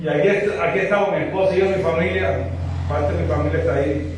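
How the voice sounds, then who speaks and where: A man's voice: on the high side, steady tone, quick pace, a crowd in the background. A man from Cuba, a visiting pastor, giving a fervent testimony and exhortation to a congregation in a church. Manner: fervent, rising to shouted exhortation. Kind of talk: preaching testimony. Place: church sanctuary. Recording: echoey church hall, far from mic.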